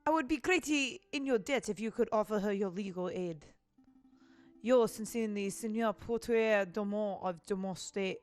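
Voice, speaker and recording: Woman doing a posh falcon gentleman with mock French accent. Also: mid-range voice, moderate pace, lightly acted. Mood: formal, grave. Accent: mock French, put on. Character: dignified, scheming falcon gentleman lawyer.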